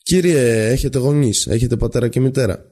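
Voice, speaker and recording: A man voicing a calm, composed young male student who argues patiently with his professor, speaking in a measured way. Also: medium pitch, husky, close to an everyday voice. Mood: reproachful. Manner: measured, patient, then gently persuasive.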